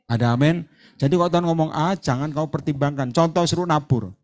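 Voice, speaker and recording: A man's voice: a little high, fast talker. A middle-aged man preaching a sermon in a church hall, acting out both sides of conversations and mixing in words. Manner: mixes Javanese words into his talk. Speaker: evangelist preacher.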